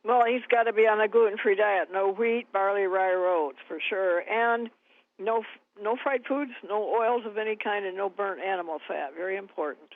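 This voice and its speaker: A woman co-hosting a health radio show, briskly listing diet rules when the host quizzes her, taped off the radio. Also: mid-range voice, no room sound. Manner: answers the host's quiz questions with brisk lists of rules. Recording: tinny phone-like radio taped off air.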